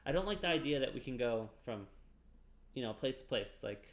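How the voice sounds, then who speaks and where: A man's voice: medium pitch, expressive, brisk. A man co-hosting a casual gaming podcast, talking in rambling runs full of fillers and restarts. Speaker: podcast co-host.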